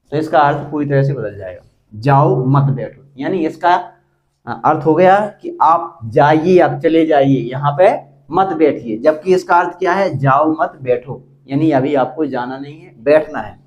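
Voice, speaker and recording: A man teaching a Hindi grammar lesson at a board, explaining slowly and repeating each example aloud. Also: fairly high pitch, darkish tone, lo-fi sound. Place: classroom with a small board.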